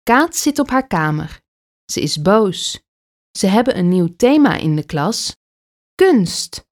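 Slow, expressive woman storyteller. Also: medium pitch. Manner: slow, expressive read-aloud delivery. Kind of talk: reading a children's story aloud.

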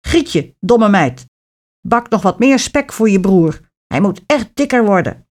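A woman voicing a cruel old witch with a creaky voice, sweet one moment and gloating the next. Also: mid-range voice, very animated, a little slow, a little mellow. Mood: bossy. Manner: sugary, then gloating and bossy.

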